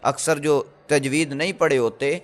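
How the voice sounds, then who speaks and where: A man teaching tajweed in a recorded lecture, explaining slowly with many pauses and fillers and sounding out letters again and again. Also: fairly high pitch, fairly even intonation. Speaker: Quran recitation teacher.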